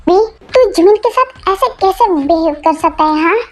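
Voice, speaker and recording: A woman's voice: very high voice, expressive, normal speed, faint music behind. A woman voicing a stern, protective elder brother who reprimands his younger brother, in a voiced fan-fiction audio story.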